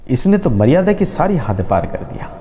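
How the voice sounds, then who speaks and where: A man voicing an enraged grown son who speaks slowly and with contempt about his father. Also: a little high, very animated, mellow, in a large hall. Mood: seething. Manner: slow, seething. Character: furious youngest-of-three son, enraged.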